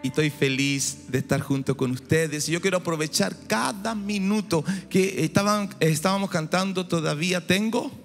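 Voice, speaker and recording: Barely pausing, a gravelly, high-pitched pastor speaks at a moderate pace. He's a man in his forties from Chile, preaching with fervor into a handheld mic on a big church stage, his words rising to shouts and exclamations before a large congregation. Music sounds behind him in the echoey hall.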